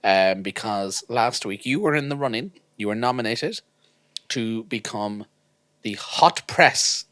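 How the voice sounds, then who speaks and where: A man's voice: on the low side, animated, a little slow, fairly bright tone, no echo. Dry-teasing Irish man on a podcast. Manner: dry teasing, mock-serious. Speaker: podcast co-host. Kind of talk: casual comedic chat. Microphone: studio podcast mic.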